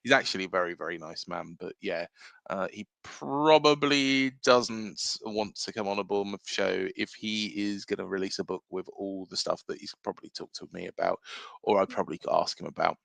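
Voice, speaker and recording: A man's voice: low voice, moderate pace, vocal fry, a bit bright, no echo. An English man hosting a casual football fan livestream, rambling with lots of fillers and reading out viewer comments. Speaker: football podcast host.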